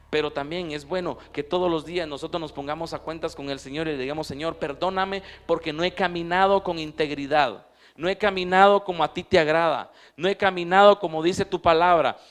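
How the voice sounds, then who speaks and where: A man pastor preaching a sermon, asking the congregation questions and reading scripture slowly and with emphasis. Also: fairly high pitch. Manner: drops to a hushed voice for quiet passages.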